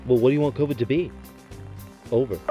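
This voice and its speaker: A man's voice: medium pitch, fast talker, warm tone, soft background music, voice pushed down. A man playing a male trucker who talks in clipped call-sign chatter over a CB radio transmission. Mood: fussy.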